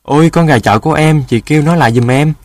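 A man's voice: medium pitch, normal speed, no room sound, close to an everyday voice. A man voicing a whiny little child in a storybook tale who begs and complains. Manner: whiny, insistent.

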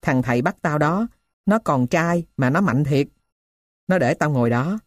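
A woman voicing a poor middle-aged male thief who tells his story in a rough, blunt way. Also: low voice, lively intonation, a little slow, no echo, studio quality. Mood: gruff.

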